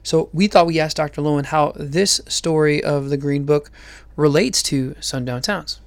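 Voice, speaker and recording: A man's voice: fairly high pitch, moderate pace, dry recording. A man hosting an interview and setting up questions for his guest. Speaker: interviewer and host.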